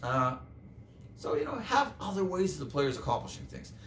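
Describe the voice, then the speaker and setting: A man's voice: a little high, big pitch swings, moderate pace, fairly bright tone. A man giving casual advice as a tabletop game master, rambling and chatty with lots of fillers. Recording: echoey room with faint noise.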